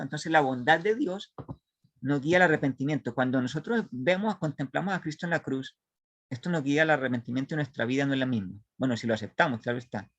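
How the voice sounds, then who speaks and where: A man's voice: mid-range voice, fairly bright tone, dry recording. A man teaching a Bible study class, reading scripture aloud, stopping to explain and to question his listeners, often restarting his sentences. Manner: halting, with many restarts.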